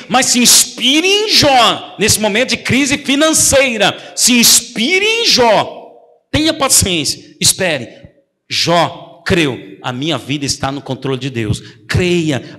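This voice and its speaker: Male pastor, sermon, emphatic repetition, high voice, long church-hall reverb. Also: bright, forceful tone. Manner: emphatic, repeats key phrases, call-and-response.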